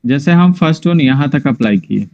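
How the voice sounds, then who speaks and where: A man's voice: medium pitch, animated, fairly quick. A man teaching an online drawing class, explaining step by step and often checking that his students follow. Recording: muffled lo-fi online class audio.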